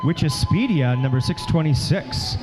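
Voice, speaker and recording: A man serves as co-commentator at a roller derby bout, reading lineups and breaking down plays with energy. His voice sits a little higher than most men's. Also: animated, normal speed, music in the background.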